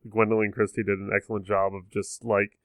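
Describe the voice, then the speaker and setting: A man's voice: fairly low pitch, level tone, brisk, no room sound, clean studio sound. A man guesting on a casual podcast chat, wry with trailing asides.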